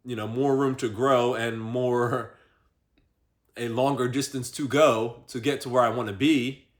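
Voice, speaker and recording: A man speaks in a reflective vlog monologue, thinking out loud. His voice sits in an ordinary middle register. He circles his points with frequent fillers and loose restarts. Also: medium pitch, steady tone. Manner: thinking aloud, many fillers, unhurried. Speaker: vlogger.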